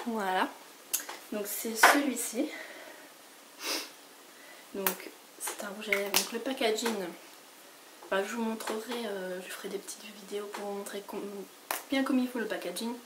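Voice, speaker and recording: A woman from France with a sick, hoarse voice, chatting casually through a makeup haul and rambling with lots of fillers and restarts. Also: mid-range voice, measured pace, pauses often. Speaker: beauty vlogger. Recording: noisy home recording.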